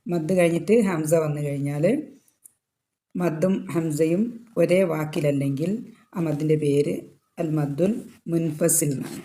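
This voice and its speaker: A woman teaching Quran recitation rules, explaining step by step and chanting the verses slowly. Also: low-pitched, warm tone. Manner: explains step by step, asks and answers own questions; slow drawn-out chanted recitation. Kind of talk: tajweed lesson.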